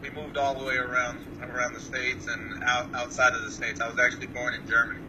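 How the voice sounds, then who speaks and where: A calm man from Samoa answers questions on a remote call, modest and hesitant, with lots of uhs. He sounds set back from the mic, and clear background noise runs under his voice. His pitch sits mid-range for a man. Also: fast talker, recorded from a distance. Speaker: guest fighter. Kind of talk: casual interview answers.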